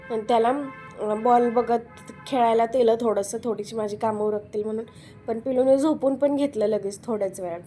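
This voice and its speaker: A woman's voice: a little high, dark tone. Earnest young Marathi mother vlogging. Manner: candid, earnest, advising other mothers. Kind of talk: casual vlog narration.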